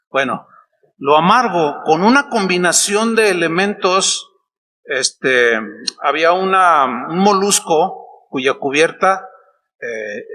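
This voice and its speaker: A male pastor preaches in a high, bright voice. He speaks conversationally, tossing rhetorical questions and playful asides to the congregation. A faint hiss of noise sits under the recording. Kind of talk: sermon. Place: church meeting.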